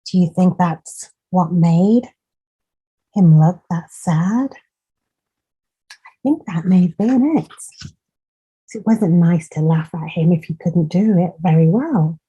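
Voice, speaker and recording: This woman's voice is fairly low, mellow and a bit husky as she reads a children's story very slowly and deliberately. She's expressive and speaks directly to young listeners; the recording is rough.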